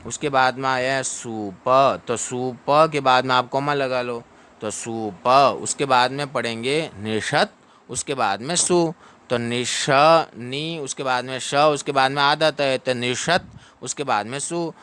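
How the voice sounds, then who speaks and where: A man teaching how to pronounce a Sanskrit chapter ending, drilling each syllable slowly and chanting it back. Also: medium pitch, fairly bright tone, smooth. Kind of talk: pronunciation lesson.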